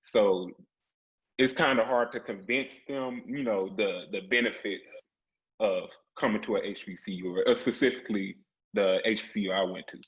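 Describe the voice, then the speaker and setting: A man's voice: fairly low pitch, moderate pace. A man in a casual panel discussion who speaks plainly and sometimes searches for words. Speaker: panelist, HBCU alumnus. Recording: dull lo-fi call audio.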